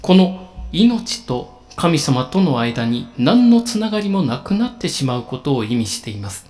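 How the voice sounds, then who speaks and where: A man preaching a sermon as a pastor, in a slow, solemn and measured delivery with emphatic pauses. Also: a little high, very animated, a little mellow, faint music behind.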